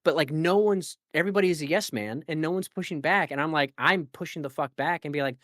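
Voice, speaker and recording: A man co-hosting a casual gaming podcast, talking in a rambling, animated way with lots of fillers and restarts. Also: on the high side, fast, no echo, studio quality. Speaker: podcast co-host.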